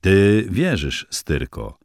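A man voicing a calm male teacher who speaks for the dead, measured and gently reproving. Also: low voice, dry recording, studio quality, exaggerated voice.

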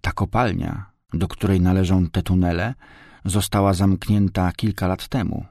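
A man reading a storybook, voicing a calm, careful grandfather who explains things patiently. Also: deep voice, moderate pace, dry recording, studio quality. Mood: cautious.

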